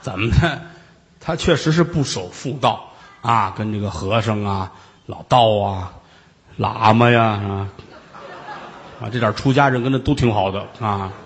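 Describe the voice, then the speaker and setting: A man performing traditional Chinese storytelling, lively and exclamatory with quick asides. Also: fairly low pitch.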